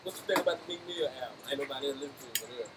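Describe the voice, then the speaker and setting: A man's voice: medium pitch, rapid-fire. A man hosting a casual chat, prodding the others with slangy questions. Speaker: podcast host. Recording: noisy room recording.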